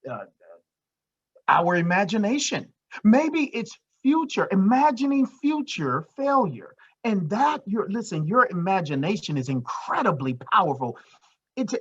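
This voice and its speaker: Man, motivational talk, emphatic, repeats himself, many fillers, husky, dull recording. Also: high voice. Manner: emphatic and repetitive, with frequent fillers. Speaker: motivational speaker.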